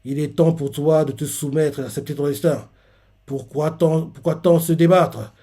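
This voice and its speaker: A cruel alien invader lords it over a beaten foe, taking his time with each mocking line, read out by a man. The voice sits a little high, close to a plain reading voice. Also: steady tone, moderate pace, mellow. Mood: taunting.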